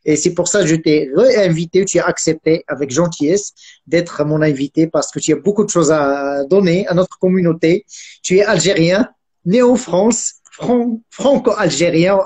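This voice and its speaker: A man's voice: a little high, breathy edge. A man hosting a live online interview, effusive and full of praise for his guest. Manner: warm, effusive, full of compliments. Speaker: host.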